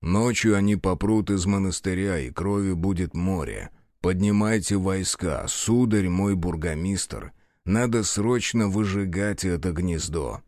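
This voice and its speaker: A man voicing a stern, steady male army lieutenant who talks slowly and gravely. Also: deep voice, no echo, clean studio sound.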